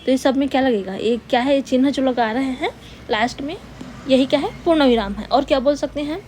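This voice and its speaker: A woman teaching a grammar lesson, patiently repeating key words, asking rhetorical questions and dictating slowly word by word as she writes. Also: sits high, darkish tone, a little hiss or hum.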